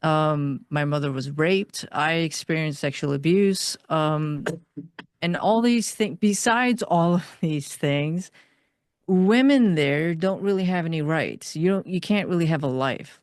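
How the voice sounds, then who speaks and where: Woman from Iran with a smooth voice. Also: low voice, measured pace, dry recording, studio quality. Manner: earnest, steady storytelling with small restarts. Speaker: guest. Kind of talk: personal life story in an interview.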